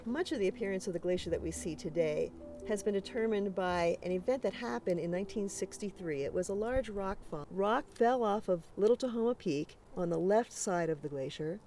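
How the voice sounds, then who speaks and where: A woman's voice: medium pitch, brisk, mellow, far from the mic, faint music behind. A woman giving an unscripted, informal expert explanation.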